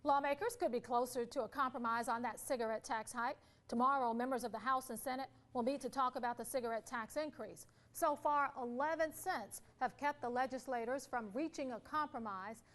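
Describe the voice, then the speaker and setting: A woman anchoring a local evening newscast with smooth scripted delivery. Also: high voice, fairly quick, hardly any pauses, fairly bright tone. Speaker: news anchor.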